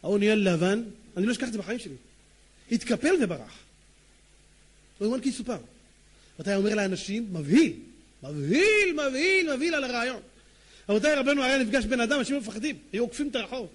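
A man's voice: sits high, lively intonation. A man preaching a sermon to a congregation, telling stories theatrically with joking asides. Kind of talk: sermon with dramatic storytelling.

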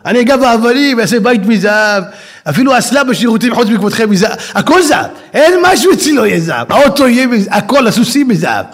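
A poor woodcutter pleads and wails in a high, strained voice, as a preacher puts him on. He sounds desperate one moment and giddy the next, his pitch leaping about. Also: sing-song, exaggerated voice. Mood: ecstatic. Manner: wailing, pleading, exclaiming. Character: poor, weeping woodcutter man, whiny and then giddy.

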